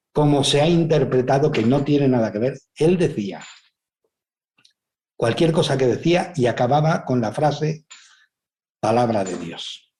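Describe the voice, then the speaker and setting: A man's voice: a little high, mellow. A man giving a spiritual motivational talk, explaining ideas and checking in with rhetorical questions. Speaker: speaker, writer.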